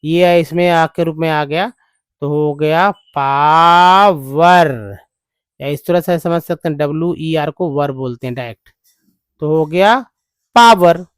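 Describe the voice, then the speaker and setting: Male tutor for beginners, drawn-out teaching delivery, smooth voice, dry close mic. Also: on the high side, no echo. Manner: drawn-out, repeating each word for the learner. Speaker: English teacher. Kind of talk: slow spelling-out lesson.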